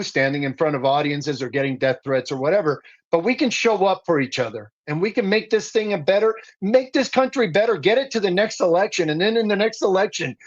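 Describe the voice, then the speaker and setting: A man's voice: sits high, highs cut off. A man raised in the Dominican Republic, a guest activist speaking passionately and insistently in a political talk. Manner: impassioned, insistent, building emphasis.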